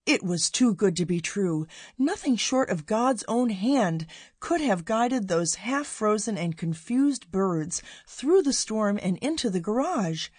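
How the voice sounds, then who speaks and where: Lady reading a christmas story, slow and expressive, a bit husky. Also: medium pitch, dry recording. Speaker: narrator. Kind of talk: Christmas story read aloud.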